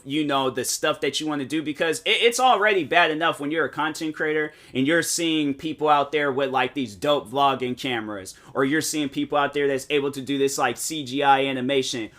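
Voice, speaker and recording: A man in his twenties hosts a solo podcast, delivering a rambling motivational monologue packed with filler words. His voice is a little high with a fairly bright tone.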